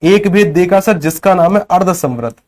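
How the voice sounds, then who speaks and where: A man's voice: high voice, lively intonation, normal speed, darkish tone. A man teaching a grammar class, who keeps asking questions and then answering them himself, and often checks whether the students are following. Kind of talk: classroom lecture.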